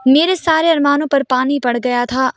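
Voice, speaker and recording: A woman voicing a middle-aged aunt who teases and gently scolds her nephew with affection. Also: high voice, no echo, soft background music, natural voice. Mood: affectionate.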